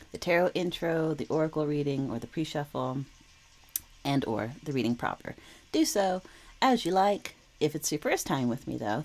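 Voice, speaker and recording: Her voice sits low and has a darkish tone. Hosting her channel while slightly ill, this tarot reader wheezes a little and clears her throat, walking viewers through a reassuring, reflective reading in an easygoing, explanatory style.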